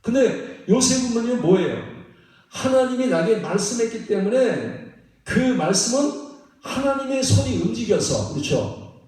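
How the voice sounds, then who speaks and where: Preaching as pastor in a church sanctuary, a man asks the congregation questions and repeats phrases for emphasis. His very high, sing-song voice moves at a measured pace with a darkish tone, heard from far off in an echoey space.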